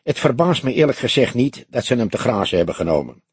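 A man voicing a slight, skittish male café owner who passes on underworld gossip in a confiding, knowing way, with a husky voice. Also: mid-range voice, very animated, quick pace, no echo.

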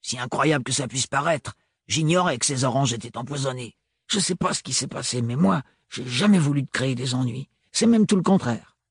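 A man reading an audiobook voices a brash young woman mechanic who talks gruff and slangy, in a husky voice. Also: mid-range voice, animated, fairly quick, no echo, clean studio sound. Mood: nervous, urgent.

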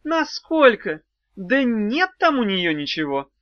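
A man voicing a sharp-tongued, menacing woman witch with curt, cutting lines. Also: high-pitched, huge pitch swings, moderate pace, no echo, dull audio, full character voice. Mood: mocking. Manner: curt and cutting, hissing whisper when threatening.

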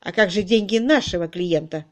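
A woman voicing a brash, blustering male debt collector who speaks loudly and stretches his words. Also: medium pitch, natural voice. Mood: indignant. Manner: loud, emphatic, drawn-out words.

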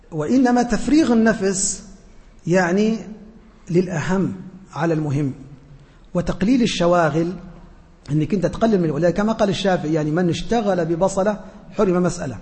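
A man teaching as a sheikh, answering students' questions in an earnest, humble way with frequent hesitant pauses. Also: on the high side, darkish tone, big-room sound. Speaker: sheikh teaching a religious lesson.

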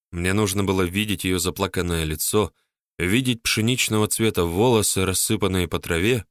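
A man reading a first-person story as an audiobook narrator, calm and steady. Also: sits low, no echo, studio quality.

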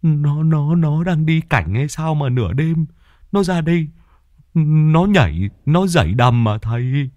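A man's voice: on the high side, expressive, unhurried, a little mellow, dry recording, lo-fi sound, pitched above the performer's own voice. A man voicing a jittery young male disciple who stammers in a panic. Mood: flustered.

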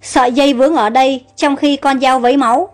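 A queen mother, distraught and pleading over her lost son, read by a woman. The voice is high and light, with faint music under the story. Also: fairly even intonation, a little fast, close to an everyday voice. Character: grieving anxious queen mother.

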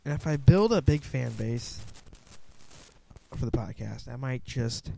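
Recording at home into a close desk mic, a young man with a Midwestern accent hosts a relaxed solo podcast, wandering off topic, restarting, and being self-deprecating. His mid-range voice is expressive, creaky, and dark, and he speaks unhurriedly. The recording quality is low.

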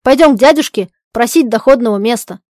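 A woman reads out a young idealist husband, torn between honor and his wife's wishes. He pleads and breaks into loud, anguished shouts. The voice sits fairly high, in a dry, close recording. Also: fairly quick, no room sound, lightly acted. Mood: bitter resignation. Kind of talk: dramatic reading of a stage play.

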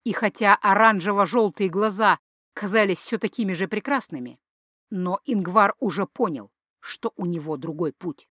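A woman narrating a fantasy audiobook at a medium pitch. Her reading is measured and even. The recording is dry and close, with no room echo.

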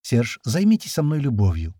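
A man's voice: mid-range voice, wildly swooping pitch, normal speed, mellow, breathy edge, dry recording, studio quality. A man voicing a naive, teasing young woman who grows insistent, read for an audiobook. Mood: playful. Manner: playful, innocent, then insistent.

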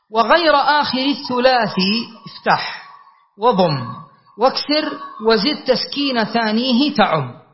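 A man teaching a grammar class, reciting verses slowly and then explaining them and quizzing his students. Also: very high voice. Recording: dull lo-fi recording.

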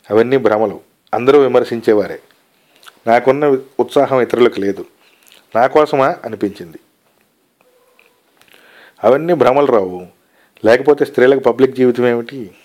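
A man voicing a weary, earnest young woman in a read-aloud story, in his plain, measured reading voice. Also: medium pitch, a little mellow, natural voice.

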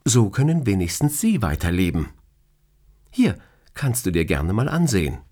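A bright, teasing woman boss from an audiobook story, put on by a man. She talks playfully, her pitch swinging up and down. There is a slight huskiness under the voice. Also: very animated, moderate pace. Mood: explaining. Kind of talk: audiobook character reading.

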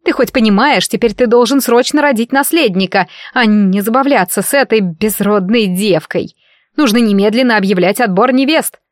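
A woman voicing a haughty older noblewoman, mother of an emperor, who hisses venomous, shrill reproaches in an audiobook. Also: normal speed, dry recording, clean studio sound, lightly acted. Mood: indignant.

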